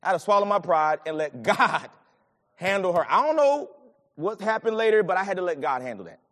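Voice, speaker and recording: A man preaching a sermon and telling a personal story, swinging from low murmurs to loud bursts. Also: brisk. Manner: animated, swings from low murmurs to shouted lines. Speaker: pastor. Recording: long hall reverb.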